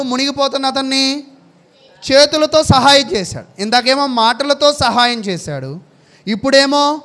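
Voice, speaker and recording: A man's voice: very high voice, bright, forceful tone. A man preaching a sermon. He reads out Bible verses, asks questions and then answers them himself.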